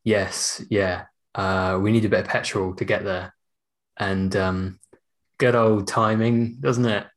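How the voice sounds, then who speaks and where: British male podcast co-host, slightly low voice, informal conversational delivery. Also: level tone, slow pace. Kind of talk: casual chat.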